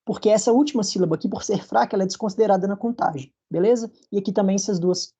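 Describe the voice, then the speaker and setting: Speaking rapid-fire in a high, warm, slightly rough voice, a man with a Brazilian Portuguese accent gives a recorded university lecture alongside slides. He explains patiently and frequently checks in with the students.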